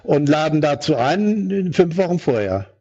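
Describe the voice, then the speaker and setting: A man's voice: a little high, sing-song, a little slow, darkish tone, breathy edge. A man in a party board meeting thinking aloud, rambling with many fillers and restarts. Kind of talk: meeting discussion. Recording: dull lo-fi sound.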